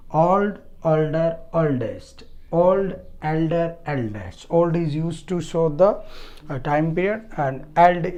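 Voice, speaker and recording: A man teaching a grammar lesson, spelling out and repeating word forms in a deliberate, dictation-like way. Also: on the high side, darkish tone. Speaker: English teacher. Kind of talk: grammar lesson, switching between English and Hindi.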